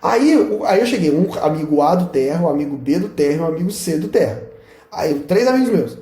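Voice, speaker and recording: A university professor with a Brazilian accent lectures at a whiteboard in an echoey classroom, joking and pointing as he explains. His voice is fairly high and warm, and he speaks in an animated, fairly quick way.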